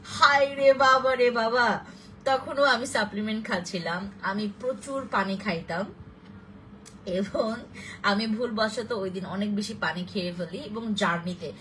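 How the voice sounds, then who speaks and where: A young woman with a Bangladeshi Bengali accent hosts a casual live stream and answers viewer comments one by one. Her talk rambles, full of fillers and false starts, at a middle pitch. She speaks into a phone mic indoors, with a faint hiss of room ambience behind her. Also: measured pace, a bit bright, low-quality recording. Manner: chatty, rambling, many fillers and restarts. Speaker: live-stream host for a skin-care brand.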